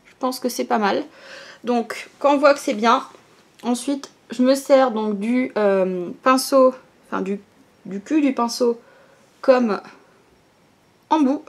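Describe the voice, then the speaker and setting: A woman's voice: a little high, takes it slowly, pauses often. Chatty French-speaking woman doing makeup. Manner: chatty, explains each step with fillers and little "hop" sounds. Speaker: beauty vlogger. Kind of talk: casual get-ready-with-me makeup tutorial.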